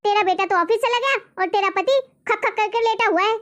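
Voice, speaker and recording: A woman acts out a brash young daughter-in-law in a homemade family drama, and she yells at her elderly mother-in-law. The voice sits very high and shrill. Every sentence comes out as a scolding shout. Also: quick pace, highs cut off.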